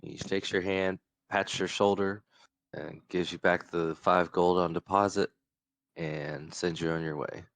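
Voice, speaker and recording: A man narrating a tabletop game as game master, unhurried and descriptive. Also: sits low, fairly even intonation, a bit bright, no echo.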